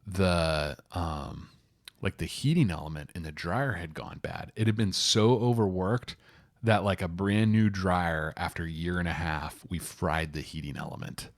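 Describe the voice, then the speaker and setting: A man in his thirties co-hosts a casual advice podcast, talking loosely with plenty of asides. His voice sits very low, recorded close and dry with no room sound. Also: measured pace, no room sound. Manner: loose and conversational, full of "like" and asides. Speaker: podcast co-host, property manager.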